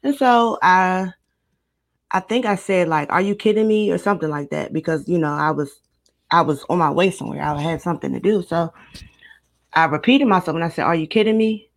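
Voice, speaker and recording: A woman in her twenties from Maryland, a guest recounting a personal story in a casual interview, steady and matter-of-fact. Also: on the low side, normal speed. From Maryland, United States. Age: 20s.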